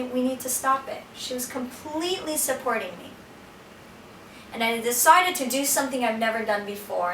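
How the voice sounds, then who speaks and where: A woman's voice: sits high, a bit bright, slight background noise. A woman giving a personal testimony talk in a small shelter, telling her story earnestly and often restarting her sentences. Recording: echoey room from a distance.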